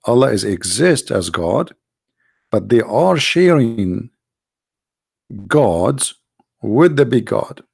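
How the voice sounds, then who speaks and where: Gravelly, tired-voiced man lecturing. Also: medium pitch, very animated, a little mellow, no echo, clean studio sound. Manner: emphatic, rhetorical questions, halting restarts. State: tired, strained voice. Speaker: religious apologist. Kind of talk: lecture on scripture.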